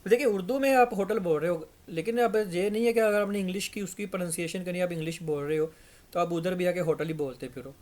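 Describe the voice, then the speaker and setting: A man's voice: high-pitched, fast talker, darkish tone. Man teaching grammar patiently. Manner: explains patiently, repeats words to drill pronunciation. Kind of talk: classroom-style lesson in Hindi-Urdu.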